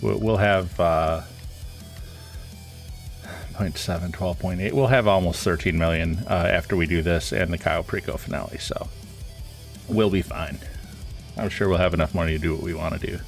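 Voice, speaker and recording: A man's voice: sits low, steady tone, normal speed, vocal fry, pauses often, soft background music. A man giving casual, rambling live gameplay commentary as a streamer, his voice stuffy from a cold.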